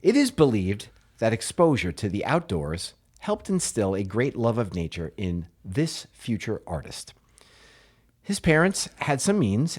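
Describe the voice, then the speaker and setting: On the comedy podcast he co-hosts, an American man hams his way through a history story, tossing in jokey asides. He speaks at a medium pitch with a slightly mellow quality.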